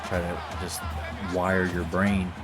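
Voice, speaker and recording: A man's voice: low voice, little pitch movement, slow, over loud music, a loud crowd. A man casually commenting while playing a football video game, rambling and swearing between mock play-by-play calls. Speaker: gaming streamer.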